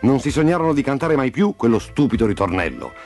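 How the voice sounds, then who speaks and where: Expressive male storyteller. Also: fast talker, soft background music. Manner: expressive, dramatic, drops low and soft for suspense. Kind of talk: storybook reading.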